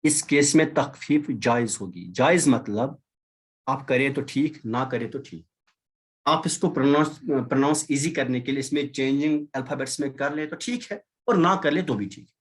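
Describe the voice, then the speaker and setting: Guy teaching arabic on a zoom call, slow and patient, says things twice, drops in english words. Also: mid-range voice. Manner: explains patiently, repeating key words, mixing in English. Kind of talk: online class lecture. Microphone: video call.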